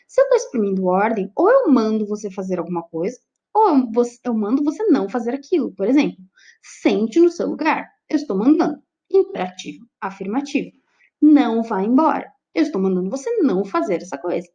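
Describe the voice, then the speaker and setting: A Brazilian woman teaches an online lesson, pitched high and moving lively through her explanations. Her tone is mellow and warm, not bright. She keeps checking in with the class, and the recording sounds dull and lo-fi. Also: fast. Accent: Brazilian Portuguese. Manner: explains with frequent check-ins to students. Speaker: Portuguese teacher.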